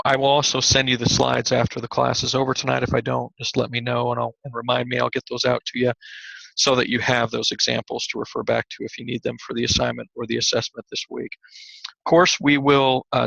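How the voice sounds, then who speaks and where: A man teaching a recorded online class, slightly hoarse and scratchy, talking in a conversational way with many fillers and restarts. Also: medium pitch, level tone, fast, fairly bright tone, no echo, lo-fi sound. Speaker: college instructor.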